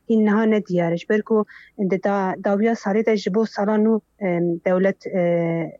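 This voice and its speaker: A woman's voice: mid-range voice, fairly even intonation, mellow, no echo, lo-fi sound. A woman festival organizer answering interview questions, hesitant and full of fillers.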